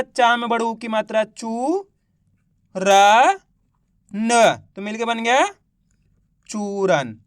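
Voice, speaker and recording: A man's voice: extremely high pitch, fairly bright tone, clean tone, no echo, studio quality. A man teaching beginners to read, sounding out each word syllable by syllable and answering his own questions. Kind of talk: reading lesson for beginners.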